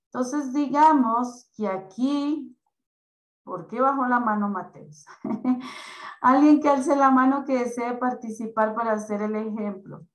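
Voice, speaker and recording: A woman teacher speaks to young pupils over a video call, slow and drawn out, her voice a little high. The room around her rings with echo. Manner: slow, patient, drawn-out explanations to children. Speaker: primary school teacher. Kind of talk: online class for children.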